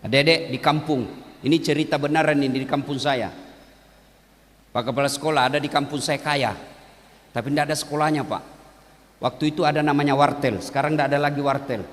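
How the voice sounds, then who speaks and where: A man's voice: fast talker, long pauses, long reverb tail. A man preaching a humorous sermon to students, telling stories animatedly and acting out the characters. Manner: animated storytelling, acting out characters with big pitch swings.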